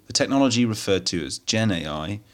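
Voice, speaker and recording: Male news presenter, low-pitched, scripted read with a steady, measured cadence. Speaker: host of a technology news roundup.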